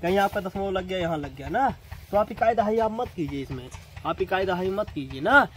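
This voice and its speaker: With a high-pitched, lively voice that moves a little fast, a man teaches basic math casually, speaking directly to students. He repeats points and tags them with a questioning "na." The audio is poor, with a little hiss or hum.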